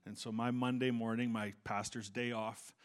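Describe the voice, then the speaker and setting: In a church sermon, the middle-aged pastor talks in a chatty, good-humored way, making jokes at his own expense and restarting often. His mid-range voice holds a level tone at a moderate pace.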